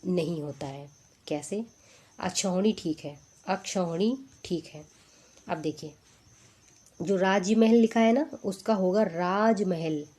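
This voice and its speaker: Slow, mellow-voiced woman teaching spelling. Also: mid-range voice. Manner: explains step by step, repeats each word. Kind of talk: exam-prep spelling lesson.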